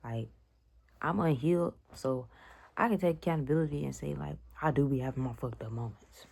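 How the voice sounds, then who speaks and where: Low gravelly young woman ranting. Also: brisk, darkish tone. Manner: blunt, slangy and profane, ranting to viewers. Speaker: vlogger. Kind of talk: casual storytime vlog.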